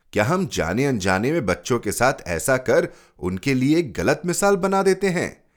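A man hosting a story podcast, reading a first-person tale aloud with dramatic expression. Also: medium pitch.

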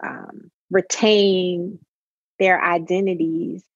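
A woman guest in a casual interview, speaking in a measured, deliberate way that often slows down. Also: lowish voice, little pitch movement, no echo, highs cut off. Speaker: guest, genetic ancestry company president.

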